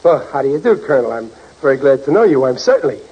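Chester A. Riley, blustering excitable husband. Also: male voice, medium pitch, fast, breathy edge. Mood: flustered, modest. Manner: flustered stammering, boastful. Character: blustering, bumbling working-class husband and father. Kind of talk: 1940s radio comedy acting. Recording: muffled, hissy 1940s radio recording.

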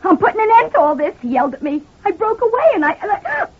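An actress with a very high-pitched, sing-song voice plays a shaken, distraught wife in an old radio crime drama from the 1940s-50s. Hesitant, emotional, and halting, she claims to have shot her abusive husband. The recording is muffled and thin.

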